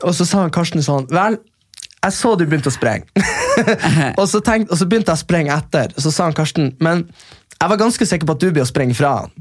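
Animated young man telling a wild story. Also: fairly high pitch, no room sound, studio quality. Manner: animated storytelling, acts out voices in quotes. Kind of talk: casual chat.

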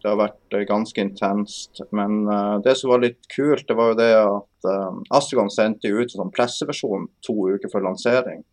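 A man's voice: fairly low pitch, hardly any pauses. A man with a Northern Norwegian accent, chatting casually as an interview guest. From Northern Norway. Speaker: podcast guest, game developer.

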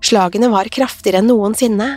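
A woman narrating a horror story in a measured, suspenseful way. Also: mid-range voice, fairly even intonation, darkish tone, no room sound.

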